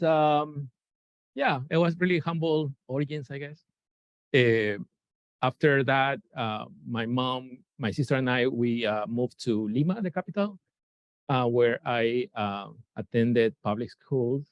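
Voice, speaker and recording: Speaking in a mid-range voice, a man from Peru who is a NASA chemist gives a loose, informal science lecture, hesitant and peppered with fillers and self-corrections. A room mic captured it for Zoom, and the recording sounds dull and dry.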